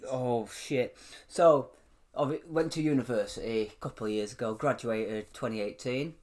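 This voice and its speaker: A young man tells stories on a casual chat show. He is lively and animated, breaks into laughter often and swears without a second thought. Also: mid-range voice, moderate pace. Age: 20s. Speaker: podcast co-host.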